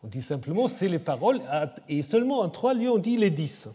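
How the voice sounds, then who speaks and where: Male lecturer, slightly high, mellow voice, conversational, recorded in a long-reverb hall. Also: big pitch swings, brisk, breathy edge. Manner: conversational, frequent "hein?" tag questions. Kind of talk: academic lecture.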